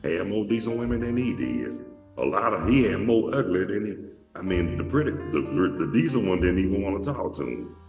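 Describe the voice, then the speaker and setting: With soft background music, a very animated man speaks at a moderate pace in a deep, slightly mellow voice. He's a show host from Atlanta, Georgia, telling rambling, profane stories full of restarts, picked up from afar in an echoey room.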